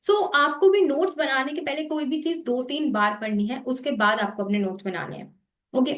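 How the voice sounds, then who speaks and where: High-voiced woman teaching, echoey room. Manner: mixes Hindi and English, reads passages slowly. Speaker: exam prep teacher. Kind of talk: explaining note-making while reading aloud.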